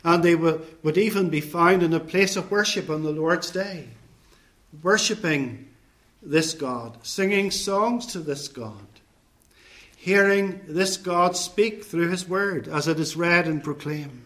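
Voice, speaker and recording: A man delivers a sermon at an unhurried, deliberate pace. His voice sits a little higher than most men's, and he lays out each point in measured, listed phrases. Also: fairly bright tone. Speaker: preacher.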